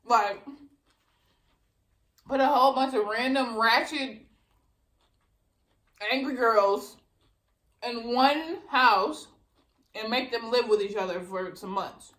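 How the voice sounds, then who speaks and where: A woman's voice: a little high, takes it slowly, pauses often, a bit bright, reverberant. A young woman, chatting casually and rambling while she eats for her mukbang vlog. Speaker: vlogger.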